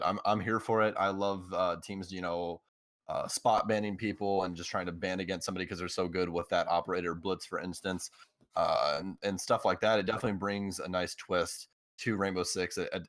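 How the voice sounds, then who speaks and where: Deep-voiced enthusiastic esports co-caster. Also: male voice, steady tone, brisk, fairly bright tone, no room sound. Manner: enthusiastic, rambling, filler-heavy. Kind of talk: live esports commentary.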